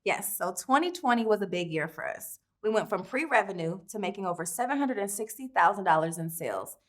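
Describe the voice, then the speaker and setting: A woman's voice: mid-range voice, animated, fairly quick. A woman speaking as a company founder in a scripted promotional interview, with a polished, upbeat sales delivery. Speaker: company founder pitching to investors.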